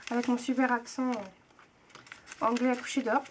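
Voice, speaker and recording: Gushing young woman, high voice. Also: level tone, measured pace, slight background noise. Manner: chatty, gushing, many hesitations. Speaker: blogger reviewing a tea subscription box. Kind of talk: casual unboxing chat.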